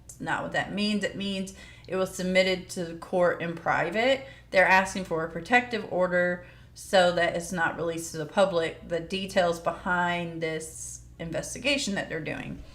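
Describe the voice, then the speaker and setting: A woman's voice: fairly low pitch, moderate pace, a bit bright. A woman giving informal, plain-spoken commentary as she explains court news like a true crime host.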